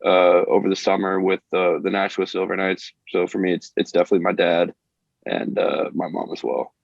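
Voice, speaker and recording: This young man from Maine, USA, plays college baseball and fields interview questions hesitantly, often restarting and using fillers. His low voice is fairly quick and even in intonation, with vocal fry, captured dry on dull lo-fi audio.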